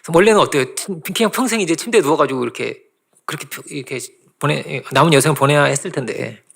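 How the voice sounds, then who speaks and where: Fast-talking gravelly male pastor. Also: on the high side. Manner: animated storytelling with laughs and acted-out quotes. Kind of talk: sermon. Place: church sanctuary.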